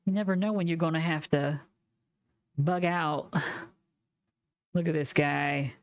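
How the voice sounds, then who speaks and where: A woman streamer casually commenting while playing a game, with relaxed, joking asides. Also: low-pitched, measured pace. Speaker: gaming streamer. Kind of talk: let's play commentary. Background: game music.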